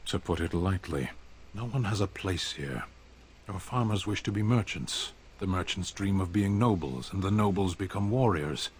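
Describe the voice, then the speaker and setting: A man playing a stoic, blunt foreign warrior in a video game, speaking in terse, formal, deadpan phrases. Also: sits low, moderate pace, slight background noise. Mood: curt, dry. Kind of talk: video game character dialogue.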